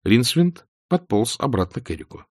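A man narrating an audiobook in an expressive, varied reading. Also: medium pitch, moderate pace, breathy edge, no echo, studio quality. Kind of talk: scripted narration.

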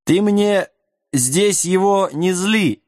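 A man's voice: high voice, drawn-out words, darkish tone, no echo, studio quality, voice pushed up. Male reader as a cranky, indignant old-school wizard; grumbling.

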